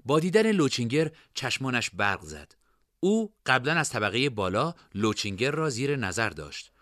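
A man narrating a fantasy story in expressive storytelling style. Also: mid-range voice, no room sound, clean studio sound.

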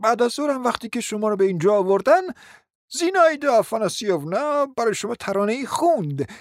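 Someone playing a calm, soft-spoken young suitor. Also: mid-range voice, no room sound, studio quality, lightly acted. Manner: soft, measured explaining. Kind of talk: radio play acting.

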